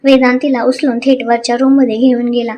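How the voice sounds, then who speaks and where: A woman narrating a dramatic story in an expressive, animated way. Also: fairly high pitch, a little fast, slight background noise.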